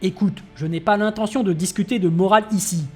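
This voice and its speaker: Brief: a cold, commanding male ninja played by a woman narrator, husky, even. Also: mid-range voice, fast talker, soft background music, natural voice.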